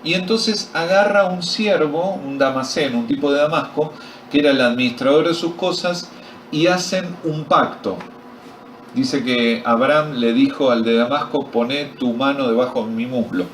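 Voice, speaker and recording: A man's voice: a little high, normal speed, a bit bright, a little hiss or hum. A man with an Argentine accent preaching a sermon at a men's retreat, quizzing his audience and joking as he tells the story. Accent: Argentine Spanish. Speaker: pastor. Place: retreat meeting hall. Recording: echoey hall recorded from far off.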